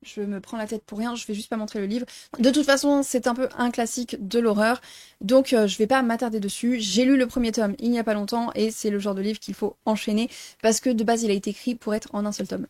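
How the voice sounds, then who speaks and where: A woman's voice: fairly high pitch, darkish tone, no echo, clean studio sound. A young woman chatting casually about her reading plans in a vlog, talking in loose, self-correcting sentences full of fillers. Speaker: book vlogger.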